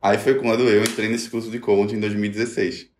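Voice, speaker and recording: Animated man in an echoey room. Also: on the low side, quick pace, slight background noise. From Brazil. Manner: animated, acts out quoted voices. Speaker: guest telling his story. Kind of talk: personal story in a conversation.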